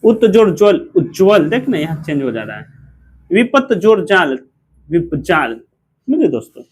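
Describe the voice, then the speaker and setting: A male teacher giving an online grammar lesson, who repeats each point, draws out the examples slowly and keeps quizzing his viewers as friends. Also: sits high, sing-song, a little hiss or hum.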